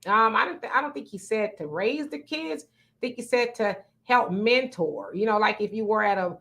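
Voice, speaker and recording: A woman reads viewer comments during a casual livestream, joking frankly and playfully as host. Her voice is on the high side, fairly bright, and moderately paced.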